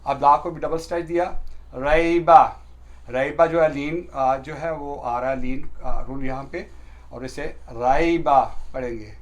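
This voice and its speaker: A middle-aged man teaching beginners to read the Quran. He explains the rules patiently, step by step, and recites verses slowly with long stretched tones. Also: mid-range voice, steady tone.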